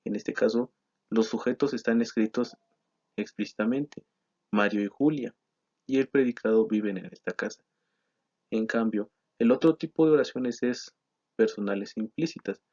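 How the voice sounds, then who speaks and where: A man's voice: on the low side, normal speed, mellow. A man teaching a grammar lesson, explaining from slides with frequent "eh" and self-corrections. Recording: slightly dull lo-fi sound.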